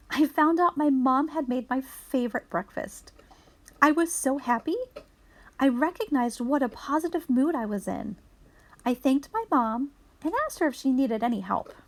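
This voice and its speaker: A woman whose voice sits high gives an expressive storytelling reading of a picture book meant for young children.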